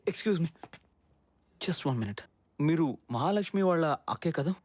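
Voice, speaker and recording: A man's voice: fairly high pitch, animated, normal speed, a little mellow, no room sound. A puzzled young man. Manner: puzzled, questioning.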